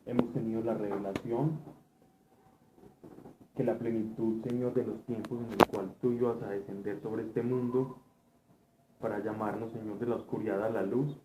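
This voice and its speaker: A man leading a Bible class and praying aloud in a steady, devotional cadence. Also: on the low side, normal speed, pauses often. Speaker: Bible study teacher. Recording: echoey, dull room recording with clear noise.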